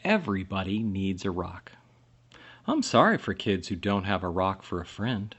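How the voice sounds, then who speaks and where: Male storybook reader, very animated intonation, expressive emphasis for young listeners, lo-fi muffled sound. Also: deep voice, husky. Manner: dramatic pauses and emphasis for children. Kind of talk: expressive children's picture-book read-aloud.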